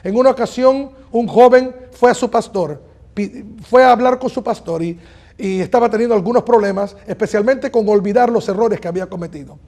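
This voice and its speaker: A man preaching a sermon as pastor, earnest and emphatic, repeating lines and slowing down on key phrases. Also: high voice, a little mellow.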